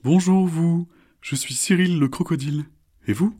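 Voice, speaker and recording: A man's voice: on the high side, moderate pace, dark tone, pitched above the performer's own voice, natural voice. A man doing a charming, friendly crocodile. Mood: welcoming. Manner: charming and hospitable. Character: friendly, welcoming male crocodile.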